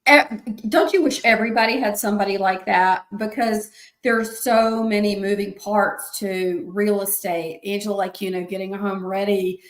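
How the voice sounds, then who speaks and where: Interviewer, a woman of medium pitch, enthusiastic, recorded in an echoey room. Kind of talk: interview conversation.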